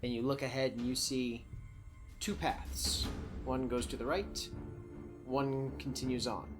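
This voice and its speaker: A man running a tabletop game, calmly describing the scene to the players. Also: medium pitch, measured pace, over music. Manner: calm descriptive narration. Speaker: game master.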